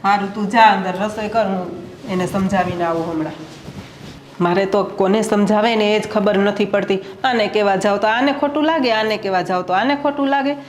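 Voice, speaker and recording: A woman's voice: mid-range voice, brisk, slight background noise, natural voice. A middle-aged woman playing a weary mother-in-law who reasons and soothes between two daughters-in-law. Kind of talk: family drama acting. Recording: echoey room.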